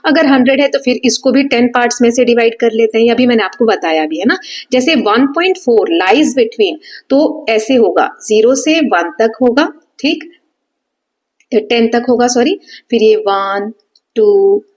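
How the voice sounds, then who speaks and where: A woman's voice: on the high side, unhurried, a little mellow. A woman teaching a maths revision lesson at a board. She explains step by step, mixes Hindi with English terms and often checks that students follow. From India. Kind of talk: exam revision lesson at a whiteboard.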